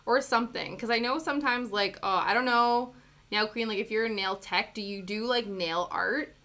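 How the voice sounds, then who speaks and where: A young Canadian woman living in the UK streams from home, chatting casually and answering viewers with giggly asides as faint music plays. Her slightly high voice sounds pushed and bright, at a normal speed.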